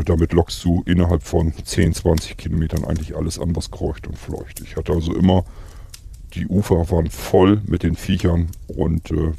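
A man telling his story calmly and matter-of-factly in an in-character survival role-play. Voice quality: very deep, gravelly, raspy.

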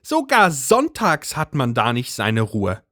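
A man's voice: medium pitch, huge pitch swings, takes it slowly, fairly bright tone, no room sound, studio quality, voice pushed up, heavily acted. A man voicing a suspicious, bossy middle-aged housewife who talks in an indignant, conspiratorial way. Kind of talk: storybook reading.

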